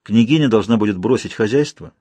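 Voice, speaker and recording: A man narrates a literary novel in a measured, expressive way. His voice is husky, at an average pitch for a man. The recording is dry and close, with no room sound. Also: no room sound. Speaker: audiobook narrator.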